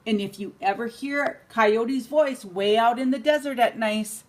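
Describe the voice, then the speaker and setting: A grandmother's voice, pitched on the high side, carries a bedtime story to a child. She reads it aloud expressively and without rushing.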